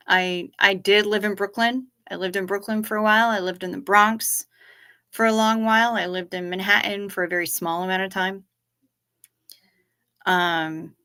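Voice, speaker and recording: Chatty streamer lady, east coast accent w some south in it, bright tone, swears a bit. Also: mid-range voice, clean tone. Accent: mixed East Coast and Southern. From northern Minnesota. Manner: chatty, swears casually, repeats what others say. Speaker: livestream host. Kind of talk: casual chat with chat readers.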